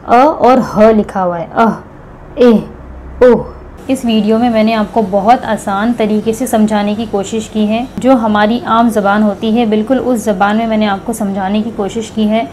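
A woman teaching Quranic pronunciation, patiently repeating each letter sound slowly for practice. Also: medium pitch, fairly even intonation, darkish tone, slight background noise. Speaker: tajweed teacher. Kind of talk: slow step-by-step recitation lesson.

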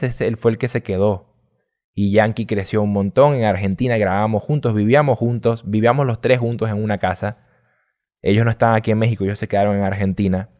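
A young adult man from Venezuela with a light Venezuelan accent, chatting casually and rambling as an interview guest. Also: lowish voice. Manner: relaxed, rambling, drops slang. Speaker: guest youtuber.

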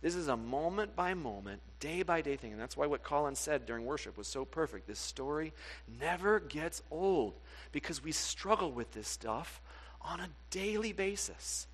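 A man preaching a sermon as pastor, animated and acting out the voices he quotes. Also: fairly high pitch, normal speed, long reverb tail.

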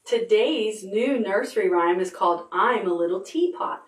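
A middle-aged woman with a mid-range voice and lively intonation hosts a library storytime for toddlers, speaking at a normal speed. She reads aloud and gives instructions in an exaggerated, sing-song way, mixing read-aloud with action rhymes. The room, filled with stuffed animals and a painted backdrop, has a roomy echo, and music plays at times.

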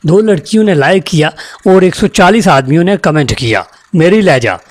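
Lively man telling jokes. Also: sits high, fairly quick. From Pakistan. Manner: chuckling, lively delivery. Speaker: joke teller. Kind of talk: reading jokes aloud.

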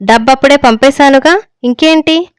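A woman's voice: sits high, moderate pace, no echo, studio quality, lightly acted. Woman doing a curt, dismissive grown son. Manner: impatient, brushing off.

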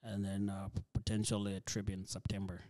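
There's no room sound as a guest ministry leader, native in Dinka, chats in a church interview. He is soft-spoken, his voice low and flat, and he speaks in a halting way with many fillers and restarted sentences.

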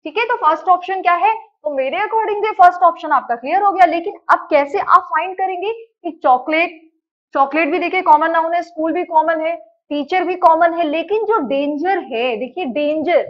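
This exam-prep grammar lesson is led by a woman whose voice is extremely high, delivered at normal speed on dull-sounding audio. Again and again she asks the class something, supplies the answer herself, and says "ठीक है" to confirm they're following.

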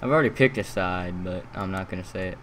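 Young man, lisp, lowish voice, halting casual game commentary, noisy background. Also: fairly bright tone. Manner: halting, rambling, repeats himself. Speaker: gaming video host.

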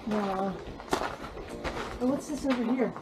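A woman's voice: a little high, slow, background noise. A young woman chatting casually and playfully as a companion on a vlog. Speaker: vlogger's companion. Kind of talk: casual chat.

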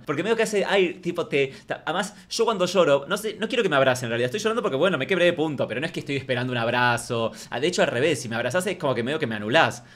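Argentine man, rapid chatty comic host riffing on news clips, dramatic asides. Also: on the high side, a bit bright. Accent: Argentine Spanish. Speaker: comedic news-parody host. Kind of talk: casual comedic commentary.

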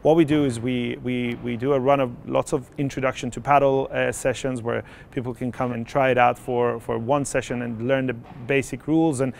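A man's voice: mid-range voice, little pitch movement, fairly quick, gravelly, few pauses, darkish tone, slight background noise. A man from Sweden, in his thirties, talking in an interview with many fillers and restarts, recorded in an indoor padel hall on a lapel mic. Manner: conversational, frequent fillers and restarts. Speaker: padel club founder.

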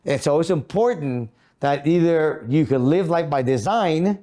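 This fifties-aged co-host has a fairly high, animated and warm voice and talks a little slowly. He covers goal setting on a motivational podcast recorded in an office meeting room, coaching earnestly with plenty of rhetorical questions.

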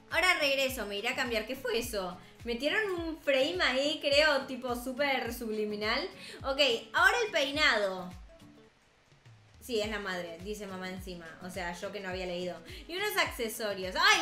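Twenties woman, high and bright voice, chatty reaction commentary. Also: reverberant. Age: 20s. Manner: chatty, amused, quick asides. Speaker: YouTuber reacting to a cartoon story.

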